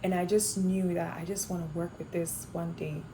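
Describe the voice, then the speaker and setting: A woman's voice: on the low side, flat delivery, normal speed, noisy background. A young woman from Ghana, a fashion design student, answering interview questions thoughtfully with some fillers and restarts. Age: young adult.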